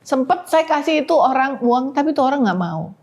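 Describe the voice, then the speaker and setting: A woman giving an emotional personal testimony on a talk podcast, dropping to a hush when she quotes prayers. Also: sits high, animated, fairly quick. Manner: emotional storytelling, quoting prayers softly. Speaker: podcast guest.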